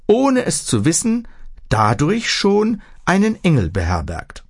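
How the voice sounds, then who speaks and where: A man's voice: a little high, huge pitch swings, measured pace, slightly rough, no room sound, studio quality, pitched above the performer's own voice, full character voice. A man voicing a plump old village woman who pants and chatters eagerly as she invites guests in. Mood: pious chatty. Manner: breathless, eager, pious chatter.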